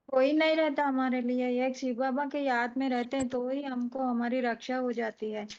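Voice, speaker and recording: Woman, class participant, earnest brief answers, fairly high voice, lo-fi call audio. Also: fairly even intonation, normal speed, darkish tone.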